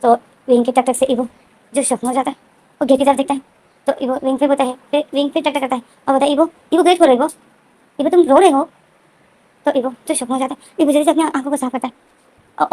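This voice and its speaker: Fast, high-voiced woman retelling a story. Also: mellow, rough recording. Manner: repetitive, frequent restarts and fillers. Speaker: story explainer. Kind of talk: casual storytelling recap.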